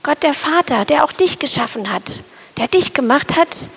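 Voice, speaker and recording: A wise old dove gently reassures a worried little bird, voiced by a woman storyteller. The voice sits fairly high with a gravelly edge, calm and kindly, as in a children's storybook. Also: moderate pace, big-room sound, full character voice. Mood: reassuring.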